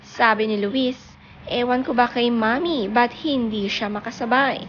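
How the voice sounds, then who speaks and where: A woman's voice: fairly high pitch, unhurried, lo-fi sound, slight background noise. A woman reading a chatty, gushing showbiz gossip narration. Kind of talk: scripted narration.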